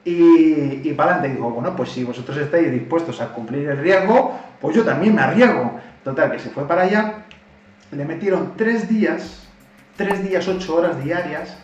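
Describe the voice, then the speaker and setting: Animated Spanish man, roomy distant sound. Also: a little high, normal speed, lo-fi sound, slight background noise. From Spain. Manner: animated, acts out quoted lines with laughter. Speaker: YouTube language-learning host. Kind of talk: casual retelling and explanation.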